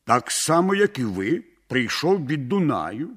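A man voicing a cunning peasant trickster who mocks and boasts calmly. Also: medium pitch, a little slow, slightly rough, full character voice. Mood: boastful.

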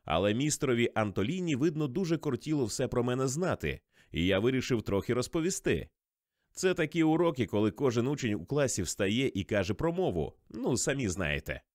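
A man reading a novel aloud in the first person, with lively, conversational storytelling. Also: mid-range voice, a little fast, dry recording, studio quality. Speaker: audiobook reader.

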